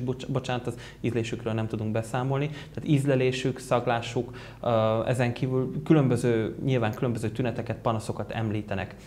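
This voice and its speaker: A man's voice: mid-range voice, darkish tone, a little hiss or hum. A man hosting an interview, asking long, carefully framed questions and correcting himself along the way. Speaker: interview host.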